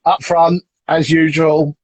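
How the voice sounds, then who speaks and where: A man's voice: fairly high pitch, level tone, takes it slowly, dry recording, rough recording. A man hosting a casual chat, teasing his guest and laughing often. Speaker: host, team manager.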